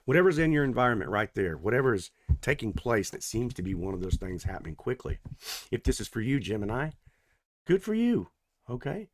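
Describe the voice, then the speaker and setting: A man giving a casual, playful tarot reading to camera, chatty and rambling, swinging between loud and soft. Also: lowish voice, lively intonation, quick pace. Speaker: tarot reader.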